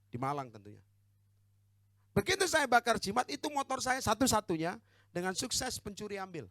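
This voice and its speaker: A man's voice: high voice, sing-song, normal speed, a bit bright, no room sound, clean studio sound. A man preaching a sermon as pastor, with an Indonesian accent, who calls out to the congregation for amens and teases them bluntly.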